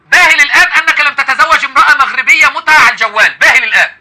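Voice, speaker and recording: A man's voice: very high-pitched, very fast, pushed and bright. A man with an Egyptian accent hosting a live call-in debate, taunting and mocking the caller with laughter. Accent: Egyptian Arabic. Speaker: live-stream host.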